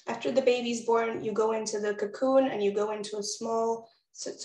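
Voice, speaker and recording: A woman from Israel, a postpartum doula, speaks over a video call in a webinar, encouraging and warm as she addresses her audience directly. Her voice is fairly high-pitched, and the low-quality recording has an echoey room sound.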